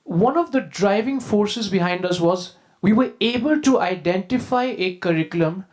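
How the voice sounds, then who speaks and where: A man with an Indian accent giving a prepared talk as a school leader, in a formal, measured and emphatic way. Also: high-pitched, lively intonation, darkish tone. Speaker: school deputy head, conference speaker. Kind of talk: prepared presentation to an audience.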